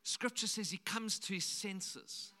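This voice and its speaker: A man's voice: high voice, slow, sharp tone. A man preaching a sermon in a conversational way, often repeating words and saying "like" and "you know".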